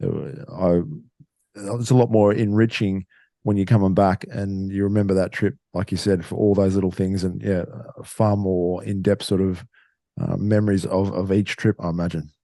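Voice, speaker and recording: A man with a low, flat voice and a dark, mellow tone hosting a podcast. He speaks casually and haltingly, restarting phrases as he works out his point. The sound is dry and close. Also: no room sound. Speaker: podcast host. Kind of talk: casual chat.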